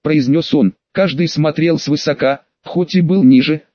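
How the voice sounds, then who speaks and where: A man with a slightly high voice reads a fantasy audiobook in a steady storytelling manner. The recording is close and dry, with a dull, muffled top end. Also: measured pace, no echo. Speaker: audiobook narrator. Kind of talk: scripted narration.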